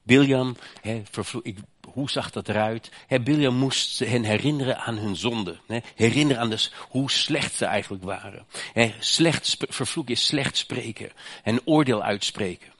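A man preaches in speech with a mid-range voice. He swings from quiet reflection to soaring, emphatic peaks, with frequent "hè" fillers. The sound is dry and close. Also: medium pitch, moderate pace, dry recording. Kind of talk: sermon.

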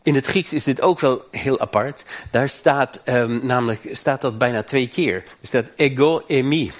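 A man's voice: mid-range voice, moderate pace. A man preaching a sermon, fervent and emphatic, his voice climbing on key points.

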